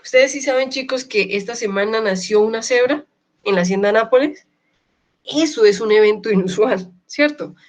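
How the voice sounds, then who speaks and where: A woman lecturer teaching an online class, often checking in with her students and slowly repeating key words. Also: a little high. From Colombia. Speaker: university lecturer.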